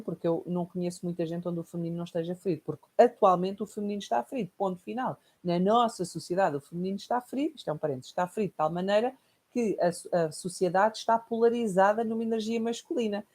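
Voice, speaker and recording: Portuguese woman from portugal teaching an online class, lowish voice, thoughtful, keeps asking "right?". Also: dark tone. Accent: European Portuguese. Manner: reflective, explanatory, frequent tag questions. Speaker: course teacher. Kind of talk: recorded online lesson.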